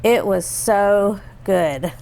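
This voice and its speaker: A middle-aged woman co-hosts a casual chat about a play. Her voice has a gravelly fry, and she laughs easily and trips over hard names as she reads. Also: mid-range voice, very slow, a little hiss or hum. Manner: giggly, warm, stumbles over names. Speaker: theater review co-host.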